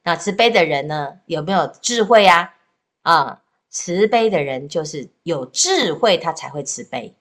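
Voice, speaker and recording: A Buddhist teacher, a woman, explains a sutra gently and patiently. She often stretches sentence particles. Her voice is somewhat low, and she speaks over a video call. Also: animated, measured pace. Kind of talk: sutra lecture.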